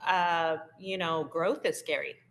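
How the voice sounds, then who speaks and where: A woman's voice: low voice, steady tone, a little slow, a bit bright. A woman guest on a podcast interview, an impact investor who speaks earnestly and emphatically, often posing rhetorical questions. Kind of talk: conversational interview.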